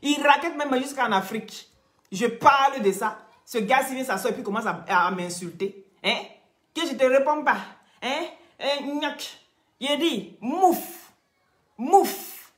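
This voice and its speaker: A woman's voice: high-pitched, animated, normal speed, fairly bright tone. Scolding Cameroonian woman in an echoey room. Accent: Cameroonian French. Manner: mocking, scolding, repeats herself, breaks into laughs. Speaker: social media live streamer. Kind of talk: scolding live stream rant.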